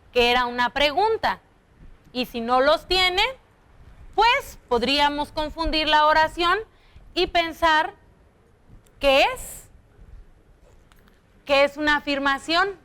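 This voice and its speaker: A young woman teaches young children in a televised lesson, her voice high and bright. She talks slowly and patiently, drawing out example sentences to show their intonation. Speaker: primary school teacher.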